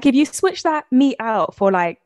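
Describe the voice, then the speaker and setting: A woman's voice: high-pitched, sing-song, moderate pace, a little mellow. A woman in her thirties hosting a podcast, chatting casually and asking playful, quiz-style questions. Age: 30s. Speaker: podcast host.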